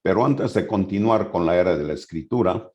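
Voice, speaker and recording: Man, very low voice, conference lecturer, reads from notes, hesitant asides. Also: animated, a little fast, darkish tone, highs cut off. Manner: reads from an appendix then explains loosely with hesitations. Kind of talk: conference talk reading from notes.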